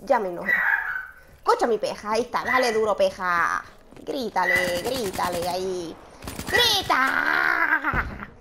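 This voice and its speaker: A young woman giving excitable gameplay commentary, shouting and shushing as she plays. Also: medium pitch, moderate pace, heavy background noise. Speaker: gaming channel host.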